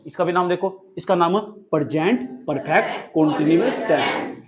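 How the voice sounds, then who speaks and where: Male grammar teacher, high-pitched, scolds and jokes with students in class. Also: moderate pace, a crowd in the background. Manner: scolding, teasing, quizzing students. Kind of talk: classroom lecture.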